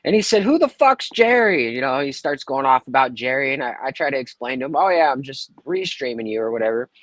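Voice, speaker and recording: A man's voice: mid-range voice, brisk, no room sound. A man on livestream headset audio, dry, close sound. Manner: animated, acts out quoted people with a raised voice. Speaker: caller on a livestream. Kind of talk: casual chat, telling a story.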